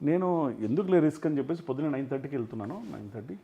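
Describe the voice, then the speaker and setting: A man appears as a film industry guest in an interview, talking animatedly and often mixing English phrases into his speech. His voice is slightly high and expressive, and he races along. The recording sounds muffled.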